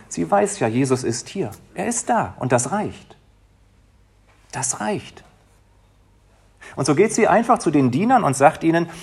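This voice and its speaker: A man preaching a heartfelt sermon as a pastor, shifting between soft, quiet passages and emphatic, rising lines. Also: mid-range voice, gravelly, husky. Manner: emotional, dynamic, swings from soft to emphatic.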